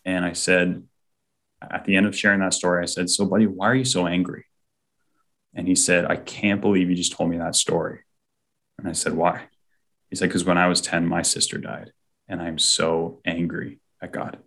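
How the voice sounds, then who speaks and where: A man's voice: low-pitched, flat delivery, normal speed, fairly bright tone. A man telling an earnest personal faith story as an interview guest, often acting out what people said. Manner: heartfelt, often acts out quoted speech.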